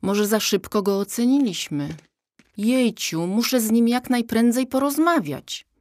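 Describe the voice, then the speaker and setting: A woman voicing an eager, impulsive young girl in a children's audiobook, quick and emotional. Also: a little high, expressive, a little mellow, no room sound, studio quality, voice pushed up.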